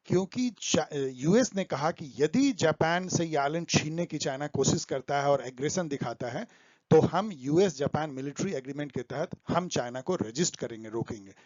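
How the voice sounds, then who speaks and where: A man's voice: on the high side, animated, moderate pace, darkish tone, dry recording, lo-fi sound. A man explaining current affairs for exam students over slides, mixing English terms into his talk. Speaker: exam tutor.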